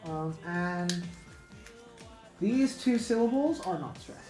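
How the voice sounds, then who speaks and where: A woman's voice: on the low side, expressive, slow pace, mellow, roomy sound, soft background music, rough recording. A woman teaching English pronunciation in a casual lesson, thinking aloud with many fillers and self-corrections.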